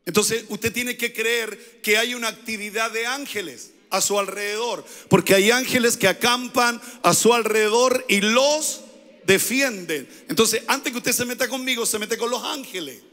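A man's voice: very high voice, normal speed, pushed and bright, big-room sound. A man with a Chilean accent preaching a sermon as pastor, repeating his phrases and calling on the congregation to answer back.

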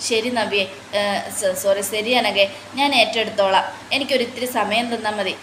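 A woman's voice: medium pitch, steady tone, moderate pace, fairly bright tone, a little hiss or hum, lightly acted. A woman doing a hesitant, evasive young husband. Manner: hesitant, stumbling over names. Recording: roomy echo.

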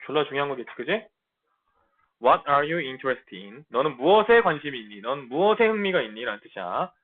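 A man's voice: mid-range voice, sing-song, a little fast. A man teaching a middle school English lesson to his students, talking in blunt, casual banter and checking in often to make sure they follow. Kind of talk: online lecture. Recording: tinny phone-like sound.

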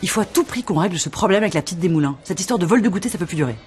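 A woman's voice: fairly low pitch, animated, close to an everyday voice. An actress playing an indignant mother complaining to a teacher about her daughter. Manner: indignant, rapid-fire. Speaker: parent. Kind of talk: sitcom sketch acting.

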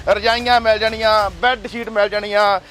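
A man, promoting a textile shop in a pushy way and listing prices quickly. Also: high voice, level tone, a bit bright, a little hiss or hum. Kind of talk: fast sales promo video.

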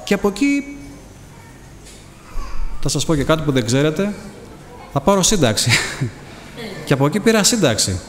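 A man's voice: on the high side, big pitch swings, pauses often. A middle-aged man preaching a sermon with personal testimony, fervent and full of rhetorical questions. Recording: echoey hall, faint background noise.

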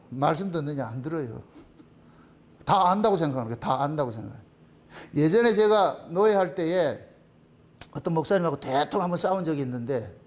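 A middle-aged man, preaching a sermon as pastor. He keeps asking the congregation questions and acts out the voices of the people in his stories. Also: on the high side. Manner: animated, acts out quoted voices, asks the congregation rhetorical questions.

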